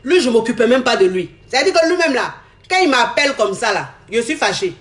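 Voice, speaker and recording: Animated woman telling her own story. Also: on the high side, brisk. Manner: animated, repeats herself, acts out quoted talk. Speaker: woman giving a testimony. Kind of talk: candid personal storytelling.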